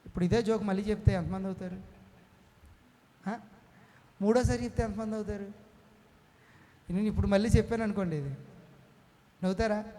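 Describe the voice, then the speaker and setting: A male pastor preaching a sermon to a congregation, telling jokes, asking the people questions and calling for responses, building to emphatic shouts. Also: high-pitched, steady tone, a little fast, pauses often. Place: prayer hall before a congregation. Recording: echoey prayer hall with long reverb.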